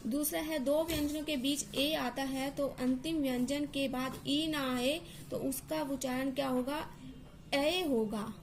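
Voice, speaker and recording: A woman's voice: sits high, steady tone, unhurried, a little hiss or hum. A woman teacher explaining English pronunciation, repeating words and spelling out letters to drill each sound.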